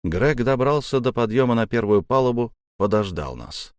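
A man giving a measured, first-person audiobook narration of a dark tale. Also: medium pitch, animated, dry recording, clean studio sound.

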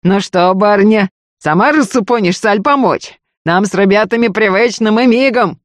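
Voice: mid-range voice, normal speed, no echo, voice pushed up, natural voice. A reader voicing a pockmarked, dishevelled young male robber who jeers and leers in a raised, mocking voice. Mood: jeering. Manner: mocking, leering.

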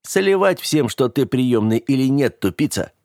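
A man's voice: medium pitch, animated, unhurried, a little mellow, no echo, clean studio sound, voice pushed up. A man reading an audiobook, voicing a prickly, mistrustful young man who snaps sarcastically. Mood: snapping. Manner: snappy and sarcastic.

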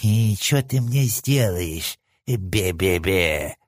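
In an audiobook, a man voices the cheeky, crude left head of a three-headed hellhound with a nasal, sleazy junkie's whine, low-pitched, animated and very slow. The full character voice sounds sneering, captured as a dry, studio-quality recording.

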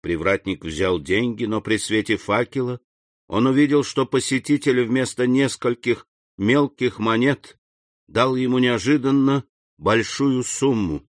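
A man reading a classic novel aloud as audiobook narration, slow and even. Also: medium pitch, no room sound. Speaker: audiobook reader. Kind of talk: scripted narration.

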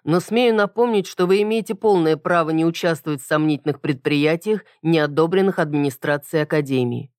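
A woman voicing a calm, respectful young male cat-dragon servant in an audiobook, speaking quietly and patiently. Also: sits low, a little fast, hardly any pauses, dry recording, studio quality, natural voice. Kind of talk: audiobook character voice.

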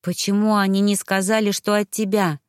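A woman doing an excitable young cousin. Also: medium pitch, normal speed, smooth, dry recording, studio quality, lightly acted. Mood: questioning. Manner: excited, emotional.

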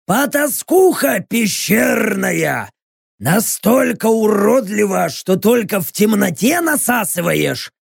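A woman's voice: mid-range voice, gravelly, husky, dry recording, studio quality, voice pushed up, full character voice. A woman voicing a coarse, rowdy male fighter who bellows crude insults.

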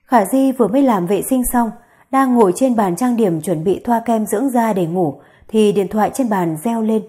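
Woman storyteller, audiobook narration, steady dramatic reading, mellow dark tone. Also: mid-range voice, moderate pace.

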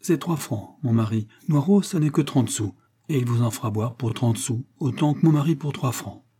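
A man's voice: medium pitch, moderate pace, warm tone, husky, lightly acted. A man voicing a chatty, eager elderly village woman who coaxes and insists. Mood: coaxing. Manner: coaxing, insistent.

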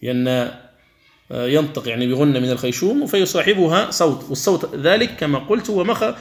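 A man teaching Quran recitation. He explains each rule slowly and carefully, then stretches the examples out into chanted recitation, and sometimes contrasts a wrong reading with the right one. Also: on the high side, lively intonation.

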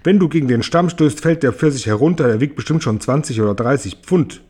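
A man voicing a spiteful, sharp-tongued, scheming aunt in a shrill, snapping voice for an audiobook. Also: expressive, brisk, breathy edge. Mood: shrill scolding. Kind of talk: audiobook character voice.

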